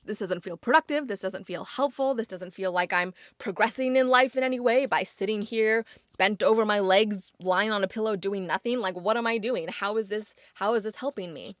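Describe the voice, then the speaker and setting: Young woman podcast host, chatty and earnest, keeps repeating herself to drive it home, mid-pitch, dry close mic. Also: normal speed, dry recording. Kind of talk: casual solo podcast monologue.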